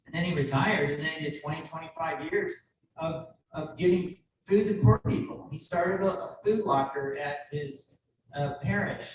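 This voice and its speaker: Man, tribute speech, joking, halting restarts, distant mic, echoey hall, faint background noise. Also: on the high side. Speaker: speaker at a retirement ceremony, brother of the retiree. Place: large ceremony hall.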